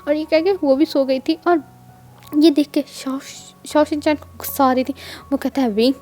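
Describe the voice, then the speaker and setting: High-voiced woman narrator; chatty, informal storytelling. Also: steady tone, normal speed, warm tone, soft background music. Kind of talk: storytelling of fan fiction.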